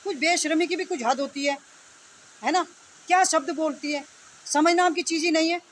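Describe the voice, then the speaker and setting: High-pitched scolding woman, indignant rant. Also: moderate pace. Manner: repeats phrases and rhetorical questions, tag questions. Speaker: online video commentator. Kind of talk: unscripted opinion rant addressed to opponents. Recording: steady background noise.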